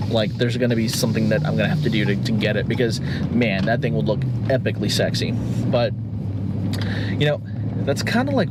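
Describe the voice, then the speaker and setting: A man's voice: fairly low pitch, very noisy. A man in his early thirties chatting casually to camera as a car vlogger, rambling with lots of fillers. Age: 30s. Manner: rambling, full of "like" and "um".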